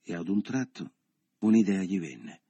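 Deep husky male audiobook narrator. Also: expressive, warm tone, no room sound. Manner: measured, literary. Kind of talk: audiobook reading of a novel.

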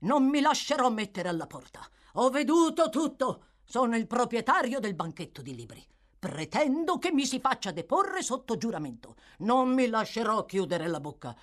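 A woman reading aloud, voicing an agitated male bookseller who shouts insistently, out of breath, in an audiobook. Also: fairly high pitch, big pitch swings, normal speed, pitched above the performer's own voice.

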